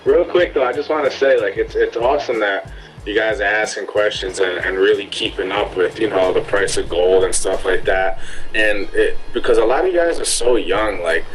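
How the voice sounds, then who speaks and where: A man in his twenties co-hosting a casual podcast, talking in an animated way and full of "like" fillers. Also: fairly low pitch, normal speed, faint music behind, rough recording. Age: 20s. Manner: animated, heavy use of "like" fillers. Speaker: podcast co-host. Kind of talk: casual group chat.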